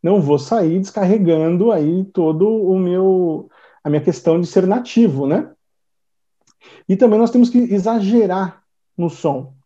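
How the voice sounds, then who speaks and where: Mellow-voiced man giving language tips. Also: high voice, measured pace. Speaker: English teacher guest. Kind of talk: casual conversation. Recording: dull muffled sound.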